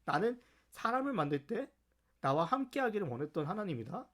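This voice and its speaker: A man speaking as God, a stern yet patient divine father who scolds his servant firmly. The voice drops lower and weighs each point, as in a church lesson. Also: big pitch swings, fairly quick, fairly bright tone, full character voice. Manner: firm, scolding.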